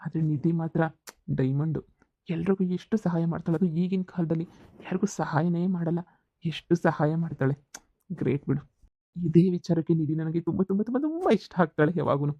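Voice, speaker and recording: A woman voicing a loud, eager young man who flatters his friend in a cartoon comedy, with a dull lo-fi sound. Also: low-pitched, normal speed, no room sound. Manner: loud, eager, mixing in English words.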